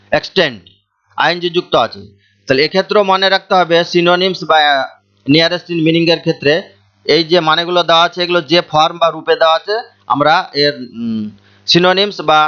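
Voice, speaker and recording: A man's voice: fairly high pitch, pushed and bright, highs cut off. A man with a Bengali accent teaching English vocabulary in a video lesson, explaining each word methodically and spelling it out letter by letter.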